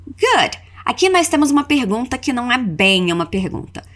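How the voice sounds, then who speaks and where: Her voice is fairly high and fairly bright, sing-song in melody, at a moderate pace. She's a Brazilian-accented podcast host running a scripted language lesson, carefully enunciating sample phrases in repeat-after-me drills.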